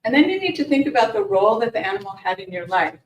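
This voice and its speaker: A woman's voice: mid-range voice, big pitch swings, fast, a little hiss or hum. A woman leading a grief workshop for a live audience, speaking conversationally and often restarting or repeating words. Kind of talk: informal workshop presentation. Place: meeting room with a live audience. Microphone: distant room mic. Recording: echoey room, voice far from the mic.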